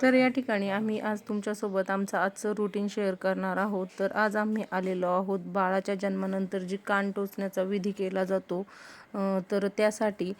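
A woman hosting her family vlog, speaking softly and explaining calmly, with frequent hesitation fillers. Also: medium pitch. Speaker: family vlogger and channel host. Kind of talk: casual vlog introduction to camera. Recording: loud background noise.

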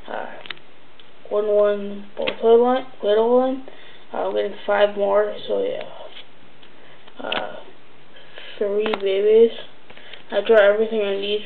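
A young person talking quietly and haltingly late at night, casually showing off a card deck in a low-key way. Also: vocal fry. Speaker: video maker. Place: indoors at a table at home. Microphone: handheld camera's built-in mic. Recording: muffled lo-fi camera mic, noisy.

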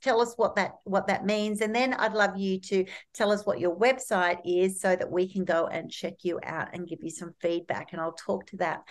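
A woman's voice: medium pitch, fairly bright tone. A woman hosting a video call interview, asking friendly, upbeat questions. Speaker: host. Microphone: video call webcam.

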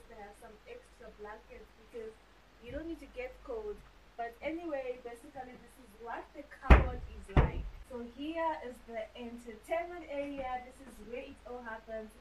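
A young woman vlogger giving an enthusiastic, chatty tour of her small rented room, often addressing viewers as "you guys.". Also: a little high. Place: small bedroom and kitchenette, indoors. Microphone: camera on tripod across the room. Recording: distant mic with clear hiss.

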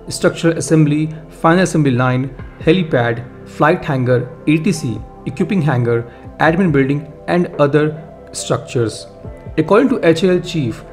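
A man reads scripted defense news in a steady, list-like delivery. His voice sits slightly high for a man. Soft music plays faintly underneath. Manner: steady read-aloud delivery, lists of facts. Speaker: defense news channel host. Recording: faint music bed behind voice. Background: faint background music.

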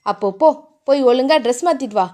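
Teasing gruff young man, mock-threatening, lower than her own voice, romance audiobook, voiced by a woman narrator. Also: quick pace, dark tone, lightly acted.

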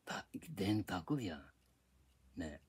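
A man's voice: low voice, sing-song, takes it slowly, breathy edge. An older man from Japan rambling in a casual, grumbling monologue, recorded at home on a tablet. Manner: grumbling, chatty, drifting between topics. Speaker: vlogger. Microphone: tablet microphone.

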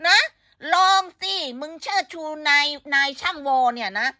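Sharp-voiced woman. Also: high voice, animated, normal speed, no room sound, studio quality. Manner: blunt, scolding, rhetorical questions. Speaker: online commentator. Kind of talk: casual gossip commentary.

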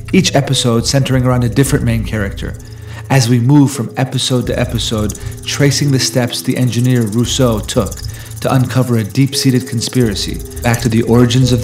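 Earnest male director narrating a pitch. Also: a little mellow. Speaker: writer and director.

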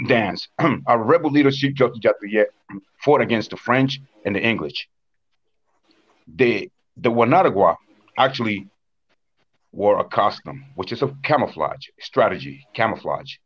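A man's voice: on the low side, husky, highs cut off. A man from Honduras gives a conference talk on a video call, telling history plainly with frequent "uh" and "according to what I understand.". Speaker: invited speaker on Wanaragua dance. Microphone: webcam on video call.

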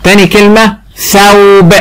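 A man with an Egyptian Arabic accent teaching a phonics lesson to a child, stretching out syllables slowly and clearly. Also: high-pitched, flat delivery, rough recording. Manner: drawn-out, exaggerated syllable sounding.

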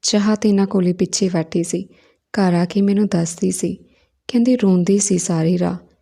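A woman's voice: on the low side, fairly even intonation, normal speed, creaky, warm tone. A woman voicing a playful young man who teases his sister-in-law, in a storybook reading. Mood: caring. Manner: teasing, playful.

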